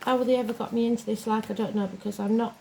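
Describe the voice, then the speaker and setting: Woman doing casual star sign readings over a fan, highish creaky voice, rambly and down to earth. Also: steady tone, quick pace, mellow, rough recording. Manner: rambling, plain-spoken, self-deprecating. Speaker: tarot and astrology reader, host of a weekly zodiac reading. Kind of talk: informal spoken horoscope reading. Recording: clear fan noise behind the voice. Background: whirring fan.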